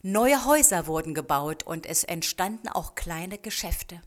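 Slow, calm woman reading a storybook. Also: lowish voice. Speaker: narrator.

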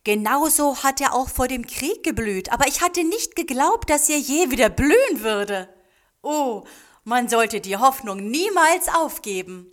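An older villager exclaims in a high, wistful storybook voice, put on by a woman. Her pitch climbs far above her reading voice. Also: very animated, measured pace. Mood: amazed. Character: older villager remembering prewar days.

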